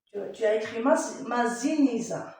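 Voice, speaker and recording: A woman's voice: mid-range voice, a little slow. A woman teaching a child in class, patiently correcting spelling and sounding out syllables. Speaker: primary school teacher. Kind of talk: dictation lesson with a child. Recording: echoey classroom, mic far off, faint noise.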